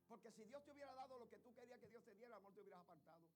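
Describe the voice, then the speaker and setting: A man with a strikingly high voice preaches a sermon in church. He tells the story with fervor, dropping to near-hushed lines before climbing to shouted peaks. Soft music plays faintly behind him. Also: animated, very fast.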